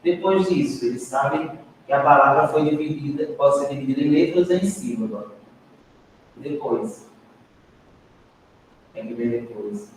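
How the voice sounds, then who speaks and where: A man's voice: on the high side, normal speed, long pauses, a little hiss or hum. A Brazilian man teaching a training session, questioning the group and often adding a tag question. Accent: Brazilian Portuguese. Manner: adds "né?" often, prompts the group to answer. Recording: echoey classroom, recorded from a distance.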